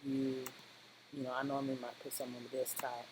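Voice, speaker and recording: Talking through an informal screen-recorded software walkthrough, the presenter keeps a medium pitch with little movement. The delivery is rambling and halting, peppered with "okay?", and the home-style voice-over is clearly noisy.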